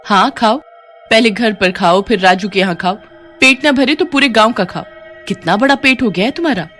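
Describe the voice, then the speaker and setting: A woman's voice: normal speed, soft background music, close to an everyday voice. Woman doing a nagging village wife. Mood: scolding. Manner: scolding, shrill.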